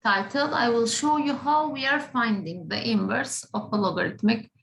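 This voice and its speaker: A woman's voice: on the high side, moderate pace, gravelly, a bit bright, slight background noise, rough recording. A woman teaching a math class, patient, often checking in with the students. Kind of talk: classroom lesson.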